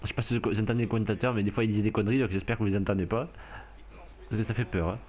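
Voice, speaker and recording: Very fast and on the low side, a man's voice runs through casual commentary on a rugby video game he is playing himself. He gets worked up easily, shouting and laughing at what happens in the match.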